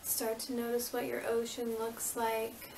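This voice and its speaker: A woman's voice: on the high side, monotone, gravelly. Distant, echoey woman guiding a meditation. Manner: soothing, unhurried instructions with gentle repetition. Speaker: yoga and meditation instructor. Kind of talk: guided meditation. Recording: roomy, distant mic with faint noise.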